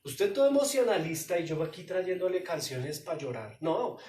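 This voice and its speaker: Man, pastor's sermon, emphatic and pleading, fairly high voice, echoey church hall, mic some distance off. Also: sing-song, normal speed, dark tone. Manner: emphatic, pleading, addresses listeners directly.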